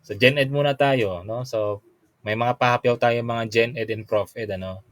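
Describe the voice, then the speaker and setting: A man's voice: mid-range voice, moderate pace, no echo. A young adult Filipino man teaching a review class. He reads quiz items aloud, then quizzes listeners with frequent tag questions, politely mixing English and Tagalog. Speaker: teacher reviewing for a licensure exam. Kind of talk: online review lecture.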